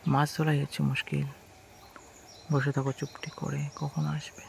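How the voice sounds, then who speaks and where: A man vlogging outdoors beside a pond, narrating casually in hushed tones while his aunt fishes. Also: on the high side, completely flat delivery, normal speed, vocal fry, slight background noise. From India. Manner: hushed, whispering while waiting for fish.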